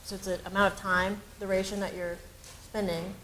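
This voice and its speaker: Speaking fairly quickly in a level, slightly bright medium-pitched voice, this researcher explains concepts on a university panel in a searching way. Fillers, ums and restarts are frequent, and the low-quality audio has slight background noise.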